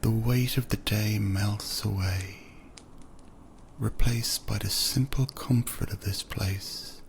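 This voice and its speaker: A man narrating a second-person sleep story in a soft, soothing voice that often drifts into whispers. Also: on the low side, fairly even intonation, slow, vocal fry, a little hiss or hum.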